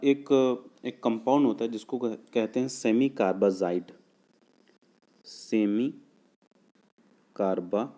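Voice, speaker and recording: A man with a low, mellow voice teaches a chemistry lesson for exam preparation. He works through each step patiently, poses questions and answers them himself, and stretches out formulas piece by piece. He stops often to check whether the students have understood. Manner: explains step by step, often asks and answers his own questions; checks understanding with "clear?" and "okay".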